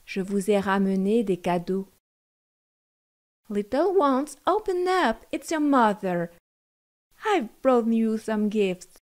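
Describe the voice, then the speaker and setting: A sly, menacing storybook wolf, put on by a woman reading aloud, coaxing in a raised, loud voice. Its delivery is slow and drawn out, pushed higher than the reader's usual voice. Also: sing-song. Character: wolf, male, sly and menacing, faking a mother's voice. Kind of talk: storybook narration.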